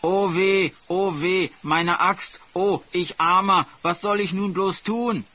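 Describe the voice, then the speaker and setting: A man's voice: medium pitch, moderate pace, sharp tone, a little hiss or hum, lightly acted. A man voicing an envious, scheming male woodcutter who grumbles and wails theatrically. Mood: fake wailing.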